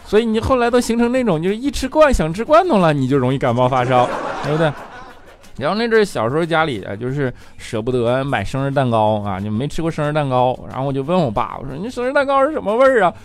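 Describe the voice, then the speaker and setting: A man's voice: mid-range voice, animated, fast, noisy background. A man with a Northeastern Chinese accent doing stand-up comedy, chatty and laughing through his punchlines.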